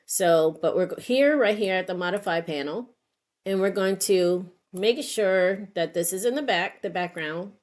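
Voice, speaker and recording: A craft tutorial host, this middle-aged woman speaks at a medium pitch and a little slowly. Her step-by-step narration is informal and unscripted, and she thinks aloud as she goes.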